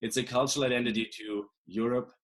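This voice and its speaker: A man from Germany hosting a podcast, talking reflectively in a casual interview with halting, repeated words. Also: mid-range voice, fairly even intonation. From Germany, Bavaria. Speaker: podcast host.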